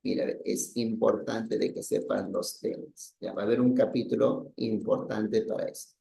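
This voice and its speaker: A man's voice: fairly low pitch, fairly even intonation, normal speed, gravelly, dark tone. A man teaching a language class, explaining patiently, repeating himself and often checking with "¿no?". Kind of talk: language lesson. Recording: echoey room.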